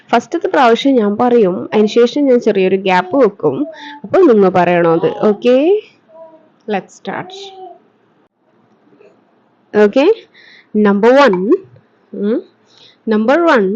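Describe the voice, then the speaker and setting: A woman with a Malayali accent teaching English, saying short phrases clearly and explaining them. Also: medium pitch, mellow, dull audio. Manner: clear, deliberate drill-style enunciation. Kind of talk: language lesson, slow model phrases with explanations.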